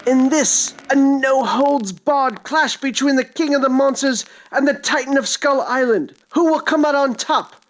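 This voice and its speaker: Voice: sits high, a little slow, few pauses. A performer voicing a frantic old-time radio newsreader, reading a theatrical emergency bulletin with breathless exclamations and a melodramatic announcer cadence. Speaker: mock news announcer in a podcast promo.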